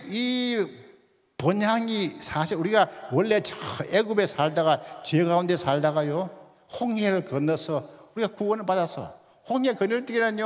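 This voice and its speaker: A man in his seventies giving a sermon in a church, often putting rhetorical questions to the congregation. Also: sits high. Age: 70s. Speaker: guest speaker. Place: church sanctuary. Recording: long hall reverb.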